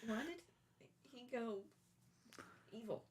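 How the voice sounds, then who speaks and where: High-voiced woman player, far from mic. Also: animated, slow pace, a little mellow. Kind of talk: casual tabletop play chat. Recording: distant mic with noise.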